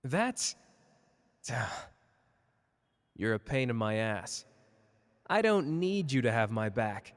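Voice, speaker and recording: A man's voice: medium pitch, very animated, slow, long pauses. Man acting cocky, flirty Gojo in long reverb. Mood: annoyed, defensive. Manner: teasing, casual, boastful. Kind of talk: ASMR character roleplay addressed to listener.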